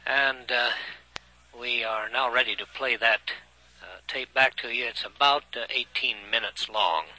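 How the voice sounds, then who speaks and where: A man making a halting live announcement as a mission control public affairs announcer. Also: medium pitch, bright, forceful tone, dry recording, low-quality recording.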